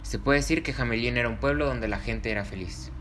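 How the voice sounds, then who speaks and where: A man's voice: mid-range voice, a little fast, a bit bright, a little hiss or hum. A man reading scripted children's stories as a narrator. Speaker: children's storyteller. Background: music.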